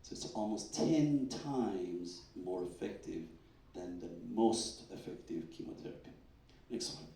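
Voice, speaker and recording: A male doctor speaks from a stage in a big, echoing hall, his voice a little low and mellow. He tells stories with animation and acts out other people's stammering replies. The mic sits some distance away, so the room rings around him. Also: animated, measured pace. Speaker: doctor presenting research. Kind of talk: live talk at a fundraising event. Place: event hall.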